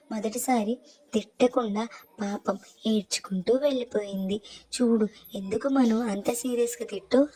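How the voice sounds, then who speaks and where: A woman's voice: on the high side, warm tone, breathy edge, low-quality recording. A woman voicing a young man pressing a friend with worried questions.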